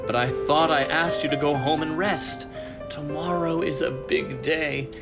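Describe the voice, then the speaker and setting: A man's voice: on the high side, fairly even intonation, a little slow, creaky, over loud music. A man playing a genial, encouraging boss with a theatrical manner in an audio drama. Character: genial boss urging on the holiday staff.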